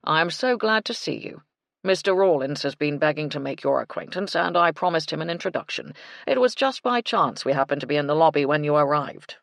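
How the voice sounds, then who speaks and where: A woman reading the part of a pompous male hotel manager who announces loudly in a formal manner. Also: deep voice, lively intonation, brisk, vocal fry, dry recording, clean studio sound. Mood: effusive.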